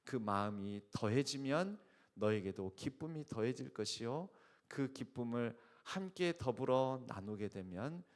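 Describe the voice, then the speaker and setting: A man voicing a gentle father who softly coaxes his elder son to share his joy. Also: mid-range voice, expressive, unhurried, close to an everyday voice. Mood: coaxing.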